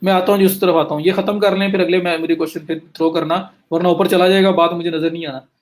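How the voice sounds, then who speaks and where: Fast-talking man teaching a screen-share lesson. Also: sits high, flat delivery. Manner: talks students through clicks step by step, addresses them directly; says he is talking fast to cover more. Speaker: digital marketing instructor. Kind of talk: live screen-share lecture.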